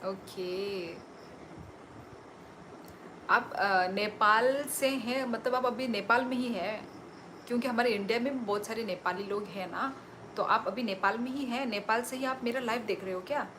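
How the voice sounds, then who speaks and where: A woman's voice: fairly high pitch, a little slow, a bit bright. Chatty young woman on a noisy livestream. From Tripura, India. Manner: chatty, teasing, laughs often. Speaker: livestream host. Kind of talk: casual live-stream chat reading viewer comments.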